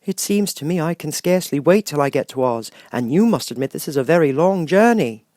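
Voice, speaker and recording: A man's voice: a little high, animated, fairly quick, a little mellow, no room sound, clean studio sound, voice pushed up, lightly acted. A man voicing a mournful, patient tin woodman in a storybook reading. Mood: plaintive. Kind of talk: audiobook character voice.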